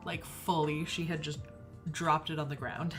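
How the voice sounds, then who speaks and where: A woman's voice: sits low, little pitch movement, moderate pace, a bit bright, soft background music. A young woman hosting a knitting livestream, telling a family story in a casual, giggly way with lots of filler words.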